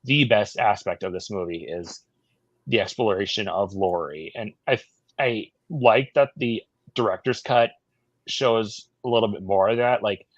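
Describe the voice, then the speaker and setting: Thoughtful, lower-voiced man in casual chat. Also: a little slow, dry recording. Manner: thoughtful, explanatory. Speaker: podcast co-host. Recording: dull lo-fi sound.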